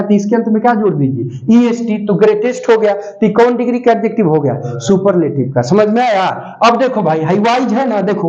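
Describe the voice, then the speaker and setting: High-voiced man teaching grammar, lo-fi. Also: darkish tone. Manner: repeats key points and asks students check questions; dictates notes slowly, repeating phrases. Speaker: English teacher. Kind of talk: classroom grammar lesson. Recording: dull lo-fi sound.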